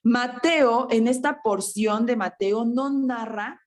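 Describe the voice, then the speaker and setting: A woman's voice: on the high side, slow pace. A woman preaching a sermon to her congregation, often tagging her points with a questioning "verdad" and "ajá" and calling her listeners brothers and sisters. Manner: frequent rhetorical "¿verdad?" and "ajá"; addresses congregation as hermanos.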